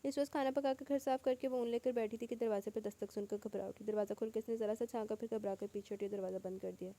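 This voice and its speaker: Mellow-voiced woman narrating a novel. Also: a little high, fairly even intonation. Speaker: audiobook narrator.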